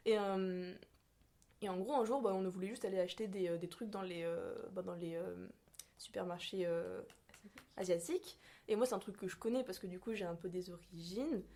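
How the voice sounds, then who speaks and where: A young woman from France chats in a relaxed, unscripted way. She hesitates often, trails off and fills pauses while hunting for the right words. Her voice sits at an ordinary middle pitch. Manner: hesitant, searching for words, many fillers. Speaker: podcast guest. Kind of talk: casual conversation.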